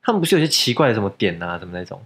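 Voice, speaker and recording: A man hosting a casual podcast chat, joking and teasing with quick comebacks. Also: fairly low pitch, very animated, fairly bright tone, breathy edge.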